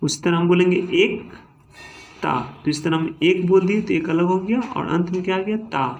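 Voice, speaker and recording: A man's voice: sits high, steady tone, moderate pace, a little hiss or hum. Man explaining grammar in syllables. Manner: repetitive, frequent "ठीक है" and "है ना" check-ins; spells words out syllable by syllable. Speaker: Hindi grammar teacher. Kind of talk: classroom-style lesson.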